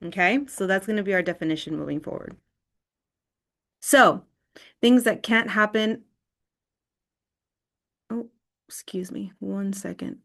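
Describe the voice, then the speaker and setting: A woman's voice: mid-range voice, measured pace, gravelly, long pauses, a bit bright. A woman leading an online wellness workshop in a screen recording of a video call. She talks conversationally and often checks in with "right?".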